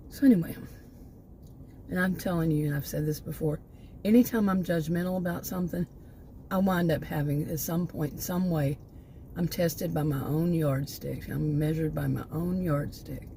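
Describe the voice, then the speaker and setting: A woman in her sixties hosts her own channel, rambling through a monologue and often pausing to find her thread again. Her voice is low-pitched and dark, slightly hoarse because she's losing it, and she speaks at a normal speed. There's slight background noise.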